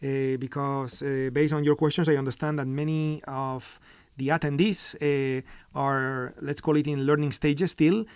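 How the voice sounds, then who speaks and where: A man's voice: mid-range voice, steady tone, unhurried, a little mellow, clear, resonant tone, no room sound. A middle-aged man hosting a live trading lesson, explaining step by step with frequent fillers and "okay?" check-ins. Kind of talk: live market commentary and teaching.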